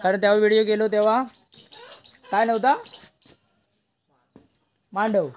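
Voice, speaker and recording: A man's voice: sits high, level tone, a little slow. Guy vlogging in his village courtyard, chatty and teasing, lots of people talking in the background. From Konkan, India. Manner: chatty, coaxing and teasing the kids. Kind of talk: casual vlog narration. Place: outdoors in a village home courtyard. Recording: outdoor courtyard with family chatter behind.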